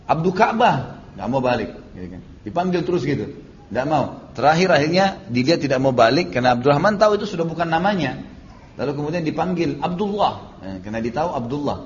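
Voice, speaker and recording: A man's voice: fairly high pitch, sing-song, fast talker. Man preaching on a dull lo-fi recording. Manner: storytelling with acted quotes, casual tag phrases. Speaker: Islamic preacher. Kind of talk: recorded religious study lecture. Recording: dull lo-fi lecture recording with faint hiss.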